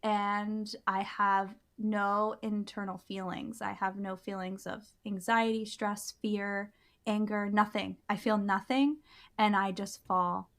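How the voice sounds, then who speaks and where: A woman's voice: mid-range voice, flat delivery, takes it slowly, a bit bright. A woman co-hosting a podcast, telling a personal experience in a casual, earnest way, with many fillers and restarts. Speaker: podcast co-host. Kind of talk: casual storytelling.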